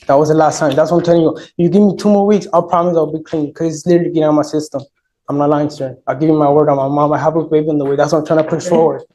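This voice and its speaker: A man's voice: a little high, fairly even intonation, very fast, warm tone. A teenage young man pleading earnestly as a defendant in court, repeating his promises. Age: teens. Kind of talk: pleading with a judge. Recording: noisy courtroom audio with clicks.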